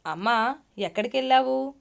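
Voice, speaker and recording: A woman's voice: on the high side, animated, moderate pace, creaky, smooth, voice pushed up. Woman reading as an earnest grown daughter. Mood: upset.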